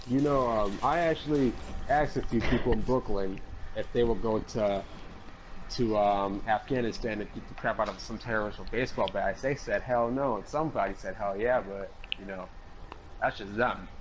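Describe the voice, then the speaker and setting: A man's voice: lowish voice, moderate pace, noisy background. A man hosting a parody political panel, rambling with lots of fillers and repeated words in an improvised online chat. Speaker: mock political panel host. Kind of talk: improvised parody talk show.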